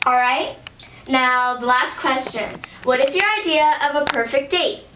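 A woman voicing a bossy dog who hosts a game show with brisk, impatient emcee patter, in a roomy, distant home recording. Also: sits high, background noise. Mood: hosting.

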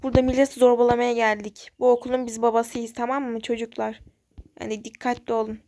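A woman voicing a bossy schoolboy bully in a toy-game role-play story, loudly issuing threats and orders. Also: on the high side, level tone, fast, lightly acted. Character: loud bossy schoolboy bully, self-declared boss.

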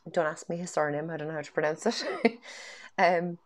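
Talking a little fast in a low voice with little pitch movement, a woman from Ireland in her thirties chats enthusiastically about tarot decks in her bedroom vlog. She has a cold that leaves her congested, says um a lot, and records through a wired earphone mic.

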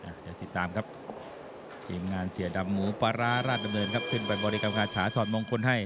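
A man's voice: lowish voice, steady tone, fast talker, heavy background noise. A man giving live Muay Thai commentary as a boxing commentator. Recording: loud music behind the voice. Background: loud music.

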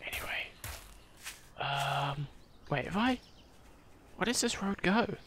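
A man playing a survival game and commenting for his viewers, dropping to a whisper while sneaking and swearing in loud startled bursts. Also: sits high, lively intonation, takes it slowly, slight background noise. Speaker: gaming video host. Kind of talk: let's play commentary. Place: indoors at a desk with facecam.

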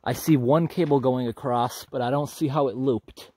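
Walking a forest trail with a handheld camera, this hiker narrates his tour in an easygoing, observant way, thinking out loud. He speaks at a moderate pace in a medium-pitched male voice with a breathy edge.

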